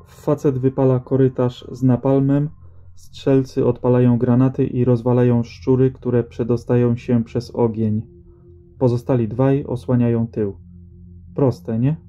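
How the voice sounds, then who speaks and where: A man's voice: medium pitch, level tone, a little slow, dark tone, lightly acted. A man voicing a seasoned male rat-hunter who speaks in dry, matter-of-fact banter, in an audiobook reading. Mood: boastful. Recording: slightly dull audio with faint music.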